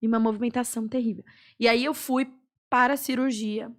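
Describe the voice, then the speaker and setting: A young woman with a Brazilian Portuguese accent, a podcast guest earnestly telling a personal story with many pauses and fillers. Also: fairly high pitch, steady tone. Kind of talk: personal testimony in a podcast chat.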